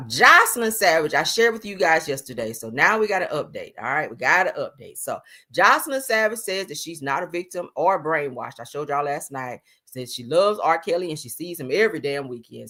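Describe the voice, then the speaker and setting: Sassy woman commentator, lively pitch. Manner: sassy, talks to viewers as honey and child. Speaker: commentary show host. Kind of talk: casual news commentary.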